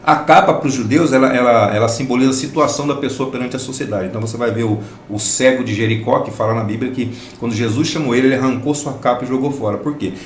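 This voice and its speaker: A man from Brazil leads a Bible study lesson with an emphatic, explanatory delivery. His voice sits at a middle pitch and he often repeats phrases for stress. The room sounds echoey, with faint noise underneath. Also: fast talker, hardly any pauses. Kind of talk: Sunday school lesson commentary.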